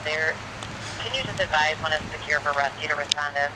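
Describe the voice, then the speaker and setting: A man's voice: fairly high pitch, a little fast. A man giving terse dispatch codes over a police scanner radio. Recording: radio static, outdoor noise.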